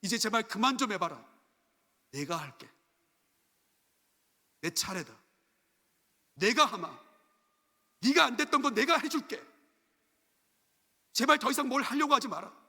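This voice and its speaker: A man's voice: very high-pitched, lively intonation, unhurried, pauses often, sharp tone, voice pushed up, exaggerated voice. A man voicing God as a loving father who urgently pleads with his child to stop and rest, heard in an echoey church sanctuary. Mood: pleading.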